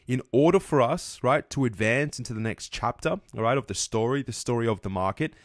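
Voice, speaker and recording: A man's voice: medium pitch, lively intonation, a little fast, no echo, studio quality. A man giving a market analysis lesson over charts, earnest, often restarting and correcting himself mid-sentence. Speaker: trading educator.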